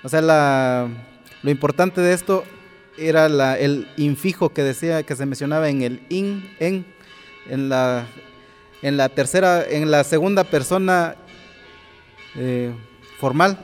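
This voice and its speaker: A man in a language workshop speaking hesitantly, pausing and restarting his phrases. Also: fairly high pitch. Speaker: workshop participant. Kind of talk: classroom exchange. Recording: hall reverb, faint music.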